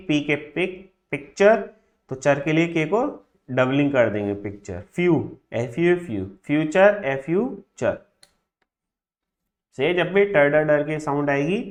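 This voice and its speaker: A man teaching a shorthand class who says each word slowly and more than once, and often stops with a quick question to check that the students are following. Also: fairly high pitch. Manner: drills words by repeating them slowly, checks understanding with frequent tag questions. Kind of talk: classroom lesson.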